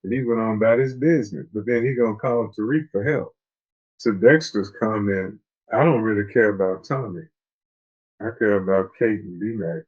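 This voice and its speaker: Co-hosting a TV discussion show, this man chats in a laid-back way about a drama and keeps restarting his sentences. His lowish, husky voice moves at a moderate pace on a muffled recording with faint music behind.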